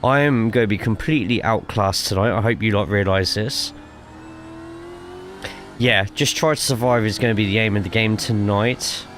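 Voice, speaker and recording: A man's voice: lowish voice, moderate pace, a bit bright, a little hiss or hum. A man with a cough giving casual, chatty live commentary while streaming a sim racing game, swearing freely and reading chat aloud.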